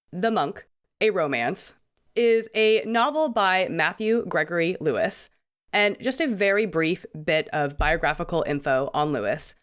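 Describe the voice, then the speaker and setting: Woman co-host, sick-sounding voice, animated and chatty. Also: on the low side. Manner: chatty, self-mocking, laughs often. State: sick, voice still recovering. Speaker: podcast co-host. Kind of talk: casual podcast chat.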